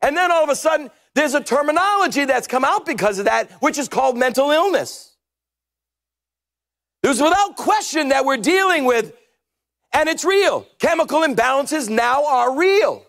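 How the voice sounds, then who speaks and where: A middle-aged man preaching a humorous, animated sermon on a church stage with a headset mic, now and then shouting his points. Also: extremely high pitch, normal speed, creaky. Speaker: pastor.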